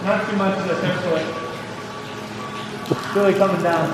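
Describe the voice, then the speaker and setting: High-voiced male tour guide in cave echo. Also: fairly even intonation, normal speed. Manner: casual, chuckling, explanatory. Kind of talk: informal guided tour commentary. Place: inside a water-filled cave on a tour boat. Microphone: vlogger's camera, away from the speaker. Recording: echoey cave, distant mic, noisy background.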